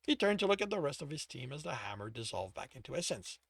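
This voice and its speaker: A man narrating his own fantasy novel aloud, pausing to correct himself as he reads. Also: medium pitch, big pitch swings, creaky, a bit bright, no room sound, clean studio sound. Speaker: author reading own story. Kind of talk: audiobook narration.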